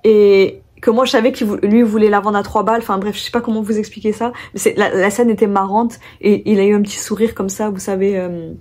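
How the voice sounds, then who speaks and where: Chatty husky French woman vlogger. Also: medium pitch, fairly quick, few pauses. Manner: chatty and animated, many fillers and restarts. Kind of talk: casual haul vlog storytelling.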